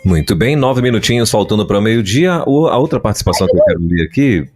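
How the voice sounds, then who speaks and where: A pastor hosts a live show in a low voice with lively, swinging intonation, reading viewer questions aloud. Soft music plays in the background. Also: male voice, quick pace. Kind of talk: live-stream talk show hosting.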